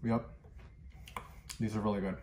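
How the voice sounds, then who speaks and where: A man's voice: fairly low pitch, level tone, unhurried, a little mellow. A man in his thirties talking through a cloth mask, giving easygoing, chatty commentary for a candy taste-test vlog. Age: 30s. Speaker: vlogger. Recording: echoey room with noise.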